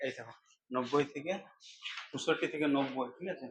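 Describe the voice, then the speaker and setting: A man's voice: medium pitch, fairly quick, slightly rough. A young man narrating a casual travel vlog aboard a ferry, guiding viewers along with lots of fillers. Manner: chatty, guiding, frequent fillers. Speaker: vlogger.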